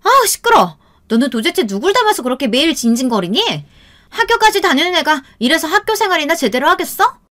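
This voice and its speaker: A woman voicing a rude, arrogant younger sister-in-law who sneers and scolds in a high, shrill voice. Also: animated, brisk, fairly bright tone. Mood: shrill scolding.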